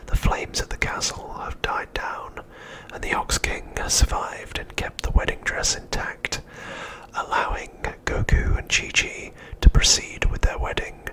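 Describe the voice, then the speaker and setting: Through a rough recording, a middle-aged man hosting ASMR whispers his narration without any voiced sound. His delivery is gentle and slow, marked by deliberate breaks between phrases.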